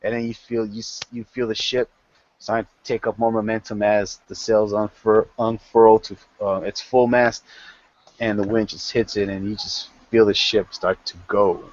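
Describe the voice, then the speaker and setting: A man's voice: lowish voice, level tone, normal speed, lo-fi sound. A man narrating a tabletop game as game master, rambling with many restarts.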